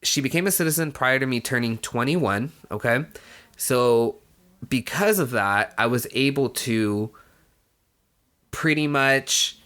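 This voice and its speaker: In an unhurried, mid-range voice with a fairly bright, clean tone, a Mexican-born young man tells his story to camera. He's a vlogger keeping things loose and conversational, leaning on "you know" and letting slip an occasional swear word.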